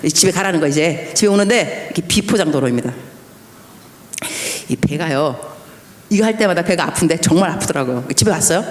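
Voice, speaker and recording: A woman pastor in her fifties preaching a lively storytelling sermon at a church evening service, acting out dialogue with laughs. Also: sits low, fast. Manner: animated, acts out quoted dialogue with laughs. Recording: echoey church hall with long reverb.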